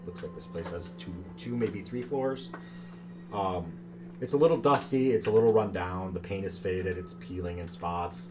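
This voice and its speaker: A man's voice: low-pitched, moderate pace, over music. A man improvising scene descriptions as the game master of a tabletop game. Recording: noisy room recording.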